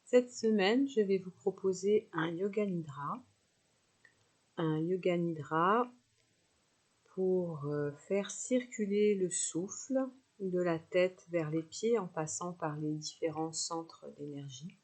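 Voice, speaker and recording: A woman leads a yoga nidra guided relaxation, giving soothing, unhurried instructions with pauses between phrases. Her voice is on the low side, with a darkish tone.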